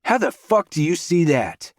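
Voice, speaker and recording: A man's voice: a little high, big pitch swings, normal speed, dry recording, studio quality, voice pushed up. Man doing a hot-tempered protective brother. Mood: angry. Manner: snapping, cursing, forceful. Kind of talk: audiobook character voice.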